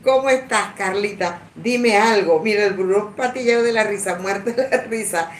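A woman's voice: mid-range voice, normal speed, distant mic. A woman hosting a casual livestream, greeting viewers by name with affectionate pet names, chatty and laughing often. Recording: echoey room with faint background noise.

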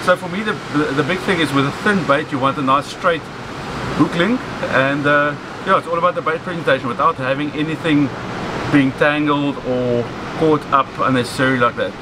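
Over the roar of crashing waves and wind on an open beach, a South African man with a slightly high voice demonstrates fishing at a brisk clip. His teaching is easygoing and practical, peppered with "so" and "okay."

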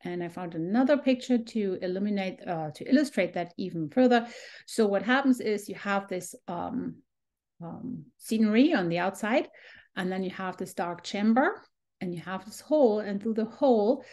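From a room at home, a middle-aged German-accented woman from Germany presents a photography workshop live over a video call to a small group, eager and chatty with frequent ums. She has a medium-pitched, expressive, slightly mellow voice at a normal speed, recorded through her computer mic.

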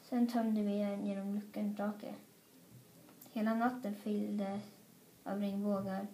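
A woman reading a children's story aloud in an expressive, playful way. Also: medium pitch, slight background noise. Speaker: storybook reader. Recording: roomy echo.

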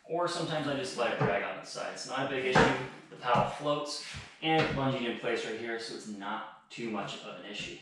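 A man in his thirties casually demonstrating paddle board gear setup, talking in a relaxed way and often repeating words as he goes. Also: fairly low pitch. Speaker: outdoor gear channel host. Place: small bare indoor room. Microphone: camera on a stand across the room, later held close. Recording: very echoey bare room.

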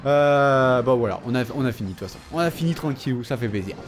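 A tired man casually commenting on his own game, excitable and talking to himself and his opponent. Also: medium pitch, quick pace. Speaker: gaming video host.

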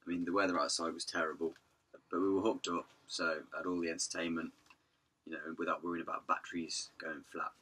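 A hoarse man, telling his vanlife story in a rambling, chatty way. He says he is losing his voice. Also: sits low, flat delivery, fairly quick, sharp tone. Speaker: vanlife vlogger. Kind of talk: casual vlog narration.

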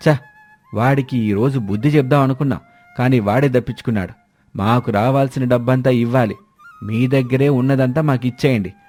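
A man's voice: mid-range voice, fairly quick, darkish tone, close to an everyday voice. A man voicing a demanding village man, scolding, faint music. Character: angry village man demanding money back.

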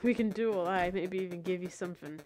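A woman reading out the lines of a gruff, stubborn male card-dueling tradesman from a video game, mostly in her own voice and with game music underneath. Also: lowish voice, a little fast, a little mellow, a little hiss or hum, lightly acted. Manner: reads in-game dialogue aloud, dropping slang.

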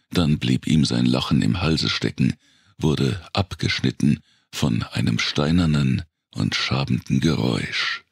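Reading a dark thriller audiobook, this bass-voiced male narrator sounds gravelly and husky. His dramatic delivery is brooding and deliberate, with pauses for effect, captured in a dry, studio-quality recording.

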